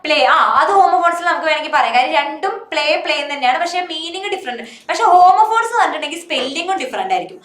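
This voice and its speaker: High, bright-voiced Malayali woman teacher. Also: expressive, very fast, hardly any pauses, roomy sound. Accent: Malayali English. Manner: asks questions and answers them herself. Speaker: English teacher. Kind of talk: online class.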